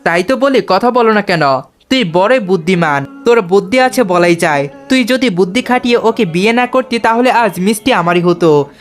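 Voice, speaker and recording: A woman's voice: mid-range voice, expressive, normal speed, natural voice. Woman reading as a sneering jealous young rival. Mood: mocking. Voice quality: mocking, sneering. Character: taunting jealous young man, mocking rival.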